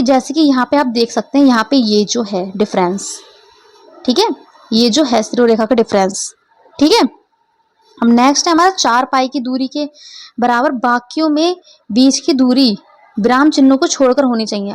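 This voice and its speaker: High-voiced woman teaching an exam lesson. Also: no room sound. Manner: explains step by step, often checks understanding. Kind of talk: exam-prep lecture.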